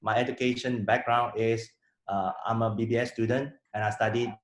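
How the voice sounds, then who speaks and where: A young man giving a halting, formal student pitch presentation. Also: little pitch movement. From Malaysia. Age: young adult. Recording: roomy echo.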